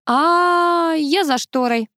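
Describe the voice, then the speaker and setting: A woman's voice: very high voice, extremely slow, bright, forceful tone, no echo, studio quality, pitched above the performer's own voice, heavily acted. Woman reading as an apologetic tenor man. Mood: mild. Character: polite, clumsy man, tenor.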